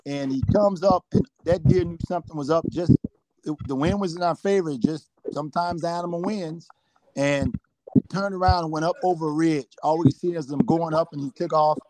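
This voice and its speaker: A man's voice: fairly high pitch, normal speed, darkish tone, a little hiss or hum, low-quality recording. A middle-aged man telling rambling hunting anecdotes as a guest, often repeating "I said.". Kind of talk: storytelling anecdotes.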